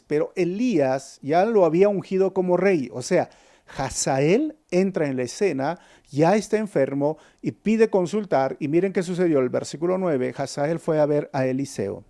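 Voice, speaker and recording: A man's voice: a little high, dark tone. A man, a pastor teaching a Bible study in an earnest storytelling manner, calling his listeners brothers.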